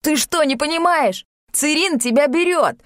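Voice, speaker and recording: A woman reading an audiobook, voicing an eager, excitable young man obsessed with mountains. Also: sits high, moderate pace, dry recording, studio quality, pitched above the performer's own voice. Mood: excited. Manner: eager, pleading and loud. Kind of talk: audiobook character voice.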